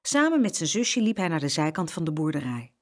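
A woman narrating a children's storybook with clear, expressive storytelling. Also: sits low, a little fast.

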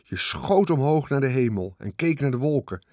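Expressive male storybook narrator. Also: moderate pace, no echo, clean studio sound. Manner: expressive, swings pitch with the action.

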